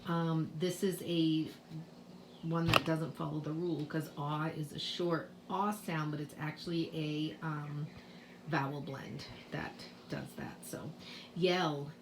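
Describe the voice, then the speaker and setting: A woman's voice: low-pitched, fairly even intonation, background noise. A woman explaining spelling rules to parents in a casual home lesson, patient and full of fillers. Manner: slow, patient, with many fillers. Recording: roomy echo, faint ambience.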